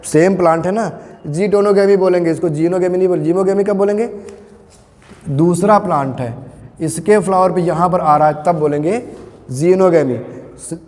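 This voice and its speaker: A man's voice: high-pitched, normal speed, a little mellow. A man teaching biology to a class, patiently asking students questions and mixing terms into his talk. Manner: patient, asks students questions, calls them "beta". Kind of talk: classroom lecture. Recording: long echo in a hall.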